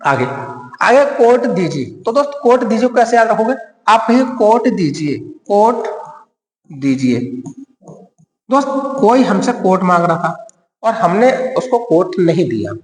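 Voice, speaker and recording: A man's voice: high voice, animated, normal speed. A man teaching an exam-prep lesson with memory tricks. He repeats each point, quizzes his listeners, answers himself and keeps calling them friend. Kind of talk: mnemonic-based classroom lecture. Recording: echoey room with long reverb.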